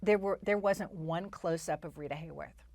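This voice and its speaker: Brief: woman guest performer, lowish voice, eager and talkative, dry close mic. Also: moderate pace, darkish tone, dry recording. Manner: enthusiastic, frequent restarts. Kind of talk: casual interview chat.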